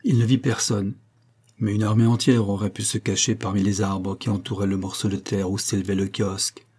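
Low, dark-voiced male narrator. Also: flat delivery, a little fast, husky. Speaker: audiobook narrator. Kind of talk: scripted narration.

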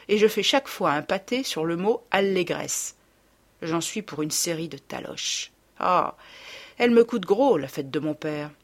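Female audiobook narrator, low voice, expressive and wry first-person reading. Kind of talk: scripted literary narration.

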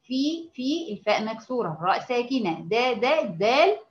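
Egyptian woman teacher, fairly high voice, repetitive and patient, lo-fi recording. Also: very animated. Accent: Egyptian Arabic. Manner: patient, repetitive, checks understanding often; stretches out example words slowly. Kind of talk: online lesson to female students.

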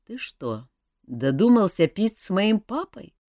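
A woman voicing a calm, knowing grown male leader who talks in a quietly ironic way. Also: mid-range voice, takes it slowly, no room sound, studio quality, voice pushed up.

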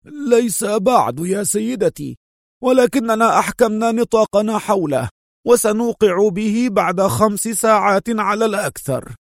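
A man voicing a cunning male spy who imitates a henchman's voice over the phone, speaking slowly and smugly. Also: sits high, expressive, dry recording, clean studio sound, voice pushed up.

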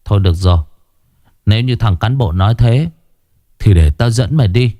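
A man's voice: fairly low pitch, animated, normal speed, dark tone, no room sound, clean studio sound, close to an everyday voice. A man voicing a frightened but stubborn older village man who stammers and talks bluntly. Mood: gruff.

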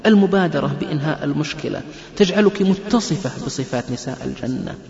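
A man's voice: fairly high pitch, fast, gravelly, a crowd in the background. A man giving a religious lecture on family life, telling stories and acting out the people in them. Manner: lively storyteller who acts out quoted people. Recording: echoey hall, muffled lo-fi lecture recording.

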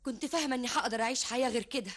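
A weary, wistful wife in an Egyptian radio play. She speaks high and quick, with quiet insistence. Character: weary wife Kawthar, longing to leave. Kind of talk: classic Egyptian radio drama acting.

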